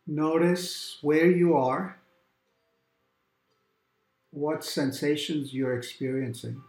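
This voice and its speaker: A man guiding a calm grounding meditation exercise, giving gentle, unhurried instructions with long pauses between phrases. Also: on the high side, roomy sound. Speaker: meditation guide. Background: quiet background music.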